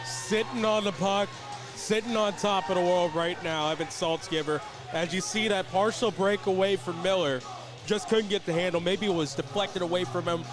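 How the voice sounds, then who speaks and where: Male hockey analyst, high voice, conversational and colloquial commentary over background music. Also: moderate pace. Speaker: color commentator. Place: live at an ice rink.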